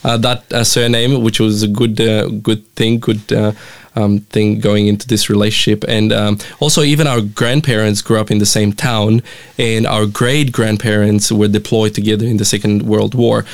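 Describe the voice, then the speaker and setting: A young man from Romania with a Romanian accent, a guest talking in a friendly, halting way with many fillers and restarts. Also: on the low side, fairly even intonation. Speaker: mission representative, guest. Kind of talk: casual interview chat.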